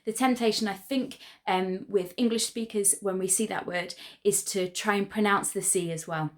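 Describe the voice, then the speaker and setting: A woman teaching a pronunciation lesson, explaining sounds in a clear, patient and encouraging way. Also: medium pitch. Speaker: language teacher.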